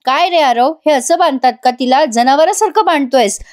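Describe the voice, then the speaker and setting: A woman's voice: high voice, moderate pace, close to an everyday voice. A woman voicing an angry father scolding his son.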